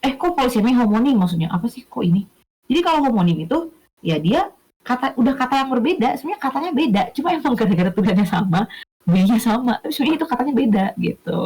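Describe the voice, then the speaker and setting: A woman's voice: fairly high pitch, big pitch swings, quick pace, darkish tone, breathy edge, rough recording. Chatty young woman teaching a lesson. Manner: chatty, checks understanding with questions, self-corrects. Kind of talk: casual online lesson.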